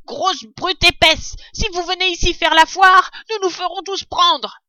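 A woman voicing a shrill, bossy, possessive male rat who shrieks his orders. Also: steady tone, measured pace, pushed and bright, no echo, exaggerated voice. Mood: furious. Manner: shrieking, snapping. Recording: dull, dry recording.

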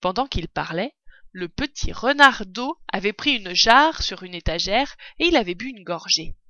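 Lively, bright-voiced woman storyteller. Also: mid-range voice, moderate pace, no echo. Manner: expressive, lively narration. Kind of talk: children's story reading. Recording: dull, dry recording.

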